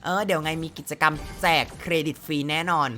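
A woman's voice: low-pitched, steady tone, a little fast, sharp tone, faint music behind. A woman streaming a slot game, chatting playfully with her viewers and exclaiming at each spin in casual gameplay commentary.

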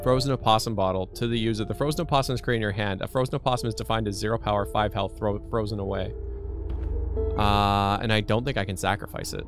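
A man's voice: fairly low pitch, steady tone, fast talker. A man playing a game and reacting casually as he goes. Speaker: game player. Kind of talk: casual live gameplay reaction. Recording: game music behind the voice.

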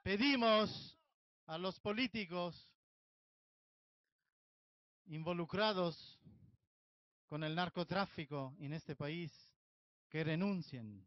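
A man's voice: high-pitched, slow pace, long pauses, dry recording, highs cut off. A man from Sicily with an Italian accent, giving an impassioned protest speech and making demands. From Italy, Sicily. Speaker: activist speaker.

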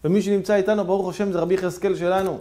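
A wise old town rabbi, as a preacher acts him out, weighing each word slowly. His voice is high and deliberate, with a grave, measured calm. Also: natural voice. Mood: solemn. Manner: slow, measured, solemn.

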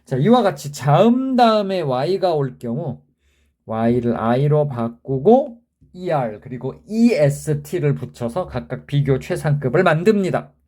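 A man's voice: a little high, expressive, takes it slowly, dark tone. A man teaching a grammar lesson, who spells out word endings letter by letter and keeps quizzing the viewer in an emphatic way.

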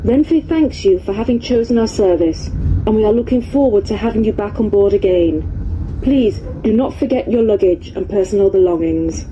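Woman's announcement over a train PA. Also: mid-range voice. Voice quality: formal, evenly measured delivery. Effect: played over a train's PA loudspeaker. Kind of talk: pre-recorded onboard announcement. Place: inside a moving passenger train. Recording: muffled loudspeaker with train noise.

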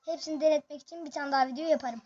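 A gaming video host giving excited, chatty live commentary on a match and talking straight to the viewers. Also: high-pitched, rapid-fire, muffled recording.

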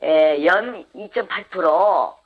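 An anonymous interviewee in their fifties, speaking through an electronic voice changer that hides their identity, talking in a hesitant, halting way with frequent restarts. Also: medium pitch. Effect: voice disguised with an electronic voice changer. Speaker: interviewed investment fraud victim. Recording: dull, lo-fi altered sound.

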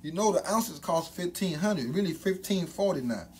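A man's voice: sits high, expressive, moderate pace, a little hiss or hum. Hype man talking through a gold grill. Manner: hype, repetitive catchphrases, loud ad-libs. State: speaking with grill on teeth. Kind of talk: casual hype promo vlog.

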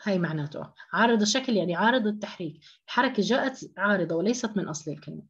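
A woman's voice: medium pitch, expressive, rapid-fire, slightly rough, highs cut off. A woman teaching an online tajweed lesson, explaining step by step, repeating key terms and asking rhetorical questions. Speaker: Quran recitation teacher.

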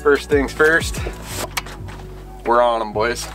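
An excitable man in his thirties, filming his own fishing trip with a camera held at arm's length. He talks casually, hyped up, outdoors on a lake, with music playing behind him. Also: mid-range voice, slow. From Minnesota. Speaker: fishing vlogger. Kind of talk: casual outdoor vlog talk. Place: outdoors by a lake, then in a small boat on open water. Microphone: camera mic, handheld at arm's length then on a mount.

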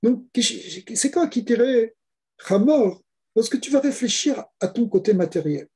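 A man's voice: extremely high pitch, animated, a little slow, warm tone, husky. A man, a rabbi, giving a Torah lesson, explaining step by step with rhetorical questions and repeated key words. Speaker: rabbi teaching.

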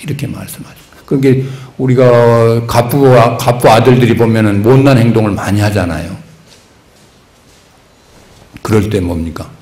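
A man's voice: on the low side, a little mellow. A man, a Buddhist monk, giving a conversational sermon with rhetorical questions and acted-out everyday speech. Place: temple hall. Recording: echoey temple hall.

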